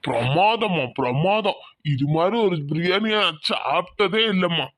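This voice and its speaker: A performer voicing a tearful, sentimental old grandfather in a cartoon, speaking slowly and drawing out words. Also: medium pitch, fairly bright tone. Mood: delighted. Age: older. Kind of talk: cartoon voice acting.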